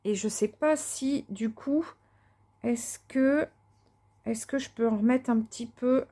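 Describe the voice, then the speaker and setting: A woman vlogger with a slightly high voice chats casually and slowly while crafting. She thinks out loud with plenty of fillers and restarts, gets enthusiastic about colours, and sometimes mutters softly to herself as she works.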